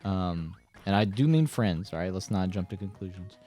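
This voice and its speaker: A young man in casual conversation with a fairly low voice, rambling through stories with crude jokes and restarts. Faint music plays underneath. He talks loosely as a co-host with a friend. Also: animated, normal speed, warm tone. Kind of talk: casual chat.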